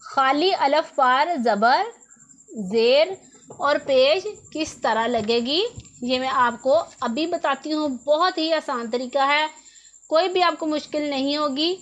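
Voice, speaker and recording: A woman's voice: high-pitched, takes it slowly, a bit bright. A woman teaching a Quran reading lesson, patiently repeating each rule and asking questions before answering them herself. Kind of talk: step-by-step lesson explanation.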